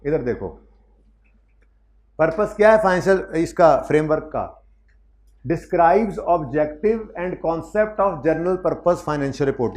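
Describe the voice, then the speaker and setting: A man's voice: on the high side, darkish tone. Stern man lecturing a live class. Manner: stern, scolds students and repeats points for emphasis; reads English textbook lines slowly, word by word. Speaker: accounting teacher. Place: classroom with students present.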